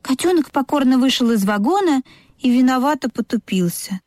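A woman reading a children's story aloud in an expressive, lilting way. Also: high voice, moderate pace, dry recording, studio quality. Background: soft music.

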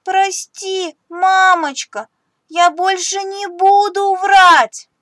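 Woman doing squeaky fibbing boy mouse. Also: little pitch movement, extremely slow, a bit bright, no echo, clean studio sound, exaggerated voice. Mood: sorry. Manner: squeaky, childish, wheedling. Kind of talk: storybook reading.

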